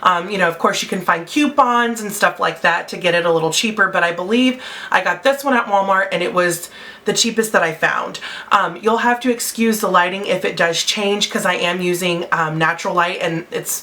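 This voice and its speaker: A woman's voice: on the low side, normal speed, sharp tone. A young adult woman chatting casually through a beauty product review at home, a little out of breath, with lots of fillers. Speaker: beauty vlogger. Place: home, natural window light.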